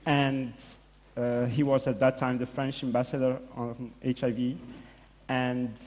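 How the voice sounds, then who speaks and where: A man from Morocco, giving a formal introduction speech at a conference, halting with many fillers and self-corrections. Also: medium pitch, level tone, darkish tone. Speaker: conference speaker introducing a guest. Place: large conference hall. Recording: long hall reverb.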